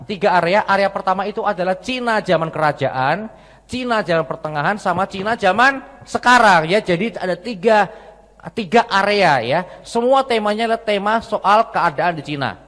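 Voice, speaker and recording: Lively storytelling preacher man. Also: sits high, moderate pace. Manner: lively storytelling, tag questions. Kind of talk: sermon. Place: large church. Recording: long church hall reverb.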